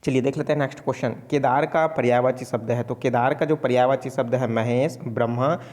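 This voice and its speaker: A man's voice: medium pitch, steady tone, a little fast, darkish tone, long reverb tail. A man from Chhattisgarh teaching an exam-prep Hindi grammar lesson, speaking casually to viewers as friends and answering his own questions.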